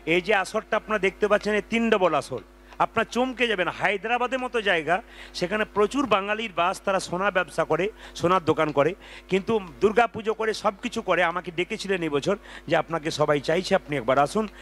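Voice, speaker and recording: A man preaching between devotional kirtan songs, energetic and urging the crowd to chant along. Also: sits high, fairly quick. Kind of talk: devotional kirtan with spoken sermon and call-and-response chanting. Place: large outdoor devotional gathering with crowd. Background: folk music with tabla.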